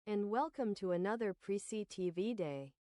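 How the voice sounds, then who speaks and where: A woman's voice: medium pitch, animated, moderate pace, mellow, no room sound. Woman livestreamer chatting casually, close dry sound. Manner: short greetings and remarks to chat. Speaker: livestream host. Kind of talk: casual livestream chat, greeting viewers.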